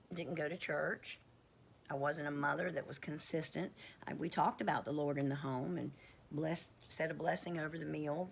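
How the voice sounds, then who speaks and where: Croaky and low-pitched, a middle-aged woman homestead vlogger shares a casual personal testimony in a rambling, halting manner, filled with fillers and restarts; a little hiss or hum runs underneath.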